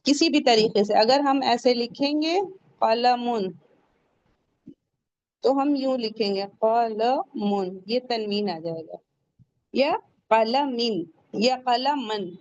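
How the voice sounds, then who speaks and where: A woman teaching a tajweed class. She explains each rule step by step, asks questions and answers them herself, and slows down to pronounce the Arabic words carefully. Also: on the high side, a little mellow, no echo, dull audio. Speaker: Quran recitation teacher. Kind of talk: tajweed lesson.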